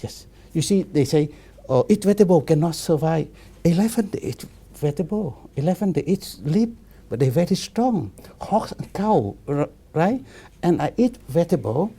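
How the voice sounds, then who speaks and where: Monk in his fifties with a very dark voice. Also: on the high side, sing-song, creaky, husky. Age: 50s. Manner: halting, repetitive non-native English with many restarts. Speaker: Buddhist monk. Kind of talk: relaxed spiritual discussion.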